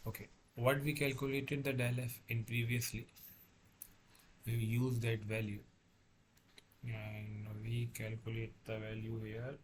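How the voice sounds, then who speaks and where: A man lecturing as a tutor, working through a problem step by step in a halting way, repeating and correcting himself. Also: medium pitch, flat delivery, a little hiss or hum. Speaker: engineering tutor.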